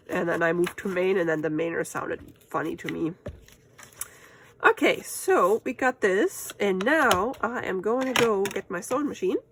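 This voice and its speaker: A woman with a medium-pitched voice and a German accent, German being her first language, hosts a crafting channel and makes crafts at home. She's chatty and self-amused, laughs at herself often and talks to herself as she works. There's slight background noise.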